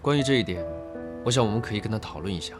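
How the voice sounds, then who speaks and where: A man's voice: fairly low pitch, animated, rapid-fire, music in the background, lightly acted. An actor playing an earnest, cautious young man in a television drama. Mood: worried. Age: young adult.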